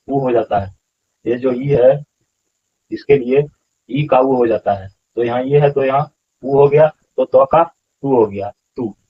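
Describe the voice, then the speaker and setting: A man's voice: mid-range voice, muffled recording. A man explaining scripture verses as a teacher, patiently repeating pronunciations syllable by syllable. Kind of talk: explanatory lesson.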